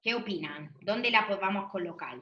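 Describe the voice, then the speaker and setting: Bright-voiced woman teacher. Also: medium pitch, expressive, moderate pace. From Argentina. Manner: patient, questioning, affirming answers. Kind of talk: online class lesson. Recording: echoey room.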